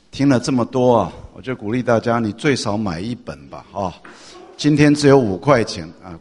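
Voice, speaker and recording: A man hosting a church service who thanks the guest speaker, makes announcements in a casual, friendly way, and leads a prayer before lunch. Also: mid-range voice. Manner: casual, friendly announcing with many soft particles.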